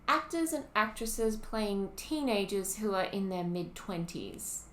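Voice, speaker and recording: A woman in her twenties with an Australian accent, co-hosting a podcast in casual chat, talkative and quick to laugh. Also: medium pitch, animated. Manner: chatty, laughs often, lots of ums. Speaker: podcast co-host. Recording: roomy with faint ambient noise.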